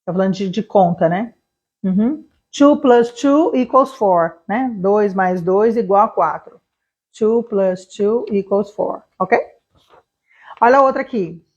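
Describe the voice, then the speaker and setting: A middle-aged woman teaching English spelling to camera, chatty, checking in with "tá?" and "né?" and slowing down to spell letter by letter. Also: medium pitch, darkish tone. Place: small town near a railway. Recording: dull lo-fi sound.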